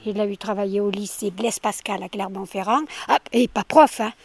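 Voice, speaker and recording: Stopped on the road for an interview, a talkative older woman from France speaks beside her garden in a steady, medium-pitched voice with a darkish tone. She talks at a moderate pace, stresses her points, and often says things twice in this casual chat.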